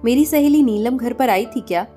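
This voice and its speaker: Woman as a gentle young daughter-in-law. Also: on the high side, moderate pace, close to an everyday voice. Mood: polite. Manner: respectful, soft-spoken. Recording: faint music behind.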